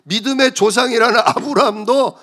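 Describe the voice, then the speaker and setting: A male pastor preaching a sermon, telling stories in an animated way and calling out for amens. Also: extremely high pitch, normal speed. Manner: animated storytelling, calls for amens.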